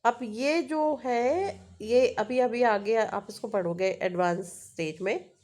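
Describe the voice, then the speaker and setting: A woman with an Indian accent teaching English, mixing in Hindi and drawing out example words slowly, often checking in with the viewer. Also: a little high, a little mellow. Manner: slow, drawn-out pronunciation of example words; frequent "है ना?" check-ins to the viewer. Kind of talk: Hindi-English mixed lesson on syllables.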